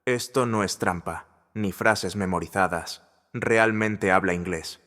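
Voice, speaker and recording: A wealthy middle-aged businessman speaks in a firm, deliberate way, as a male narrator puts him on. His voice sits fairly low. A long reverb follows each line. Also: pushed and bright, exaggerated voice. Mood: impressed.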